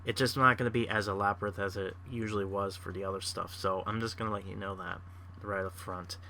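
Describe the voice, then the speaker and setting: A man with a lowish, bright and forceful voice rambles casually as a gameplay channel host, pausing and restarting his thoughts often. A faint hiss of noise sits under the recording. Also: steady tone, vocal fry. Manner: rambling, lots of uh fillers and restarts.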